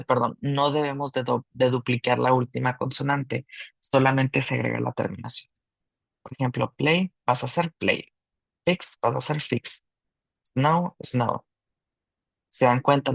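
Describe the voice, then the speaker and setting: Teaching grammar online, this man moves between Spanish and English at a slow, patient pace, restarting now and then. His mid-range voice has vocal fry and a fairly bright tone, captured in a low-quality recording with no room sound.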